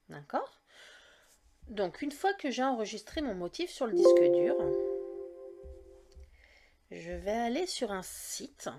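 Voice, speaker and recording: Gravelly-voiced woman hosting a craft tutorial. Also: medium pitch. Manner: chatty, leans on "donc" and "d'accord?". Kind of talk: casual step-by-step screen tutorial.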